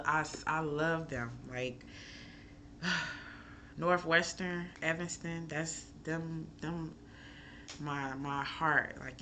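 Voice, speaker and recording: A woman's voice: low-pitched, pushed and bright, a little hiss or hum. A woman from Chicago, a chef and mother, talking candidly and emotionally in a casual personal vlog, rambling with many fillers. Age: adult with a school-age son. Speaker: chef and mom.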